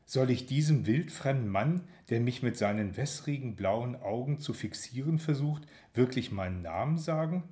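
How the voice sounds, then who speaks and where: A man narrating a first-person story in a measured, expressive reading. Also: medium pitch. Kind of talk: audiobook narration.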